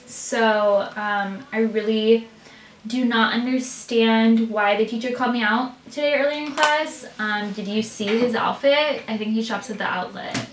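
A woman's voice: fairly high pitch, unhurried, background noise, natural voice. A woman playing a vain, self-absorbed teenage girl in an amateur comedy skit, chattering airily. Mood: gossipy. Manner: airy, gossipy chatter. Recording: roomy echo, distant mic.

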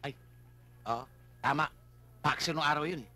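A man playing a blustering male police chief in a slapstick comedy, shouting insults at his men. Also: fairly high pitch, moderate pace.

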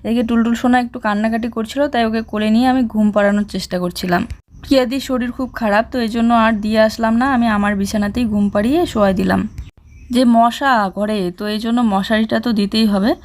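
A young woman narrating a casual home vlog, speaking softly and chatting as she explains her chores. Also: on the high side, fairly even intonation, brisk. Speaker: village vlogger and mother.

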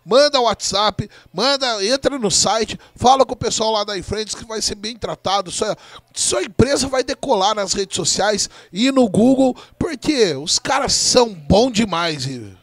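A Brazilian man doing live American football commentary, shouting stretched-out big-play calls in touchdown-call fashion. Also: high-pitched, expressive, a little slow, dry recording.

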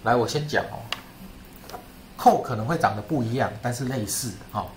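At normal speed and mid-range pitch, a male statistics lecturer gives a screen-share classroom lesson with roomy acoustics and slight background noise. His style is chatty and repetitive, with frequent "right?"s.

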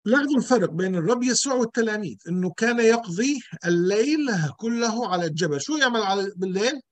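A man's voice: sits high, lively intonation, fast talker, no room sound. A male pastor, teaching an emphatic sermon full of rhetorical questions and repetition.

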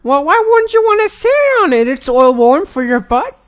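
A man voicing a pushy male inventor pitching a lava couch in an improvised comedy sketch, with a high wavering put-on voice and a stammering sales patter. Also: sing-song, normal speed, a bit bright, exaggerated voice. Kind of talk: improvised comedy role-play.

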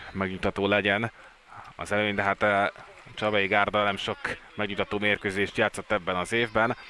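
Male sports commentator, excitable live match delivery, fairly low voice with a forceful, bright edge. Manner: excited, voice rising at key plays.

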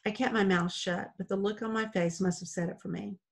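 A woman reading a children's novel aloud in a plain, steady storytelling way. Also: mid-range voice, a little fast, gravelly. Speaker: audiobook reader.

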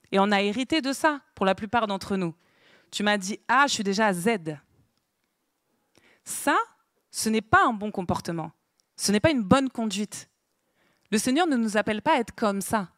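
A woman with a mid-range, fairly bright voice gives a Bible lesson to a small group in a meeting room, writing on a board and asking them questions along the way. The recording is dry and clean, like a studio.

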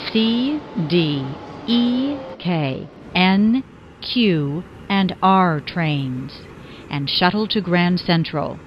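A woman giving slow, measured transfer announcements over a subway train intercom. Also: fairly low pitch. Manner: slow, measured, even delivery. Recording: lo-fi loudspeaker with faint train noise.

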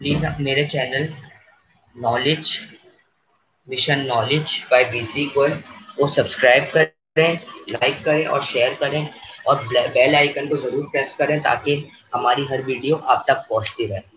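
A man's voice: mid-range voice, fairly even intonation, a little slow, a bit bright. A man giving a physics lecture, repeating key words and often checking "okay?" with the class. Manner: repetitive, checks understanding with frequent "okay?". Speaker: physics teacher. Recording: dull lo-fi with faint background noise.

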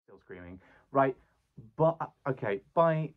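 A man guesting in a comedy skit, talking in a halting, stammering way, recorded on lo-fi audio. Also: medium pitch. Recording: lo-fi muffled recording.

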